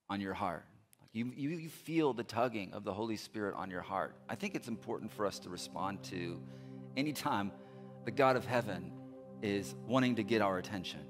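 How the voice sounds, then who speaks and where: Pastor preaching on a church stage. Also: male voice, on the low side. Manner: earnest preaching with repeated phrases, swinging between loud urging and quiet appeal. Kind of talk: sermon. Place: large church stage indoors. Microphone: headset mic.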